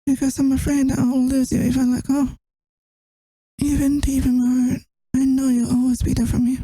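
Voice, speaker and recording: Soft, mellow girlfriend in ASMR role-play, acted by a woman. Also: sits high, husky, no room sound, low-quality recording. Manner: tender, intimate, soft-spoken. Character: tired, affectionate young girlfriend missing her partner.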